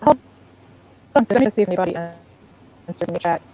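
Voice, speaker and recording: A woman guest talking casually on a call that keeps dropping out, speaking in quick broken-off bits. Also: fairly low pitch, expressive, poor audio. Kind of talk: casual chat. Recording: choppy call line with noise and clicks.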